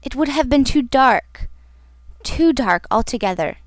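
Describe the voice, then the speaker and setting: A woman reading a classic novel aloud as an audiobook narrator, in a measured, somber manner. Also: sits high, animated, dry recording. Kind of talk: scripted narration.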